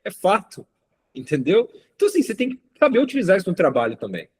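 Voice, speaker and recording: A man's voice: sits high, wildly swooping pitch, quick pace, breathy edge. A man giving a casual online class as instructor, talking conversationally, often asking "got it?" and acting out client dialogue. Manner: conversational, frequent tag questions and acted client dialogue. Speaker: course instructor.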